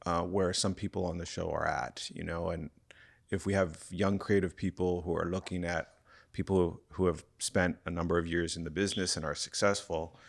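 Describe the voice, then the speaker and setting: A man's voice: sits low, steady tone, moderate pace, creaky. A man hosting a podcast interview, asking long, searching questions. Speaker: podcast host.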